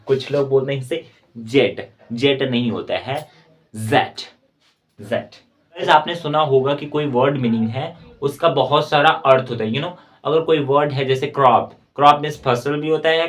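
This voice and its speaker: A man giving a spoken tutorial as an English teacher, slowly spelling out words letter by letter and repeating his points. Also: mid-range voice.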